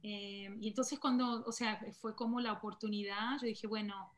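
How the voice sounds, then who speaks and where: An Argentine woman, a guest on an online panel, casually tells her own story over a video call, full of fillers and self-corrections. Her voice is medium-pitched with fairly even intonation, at a normal speed.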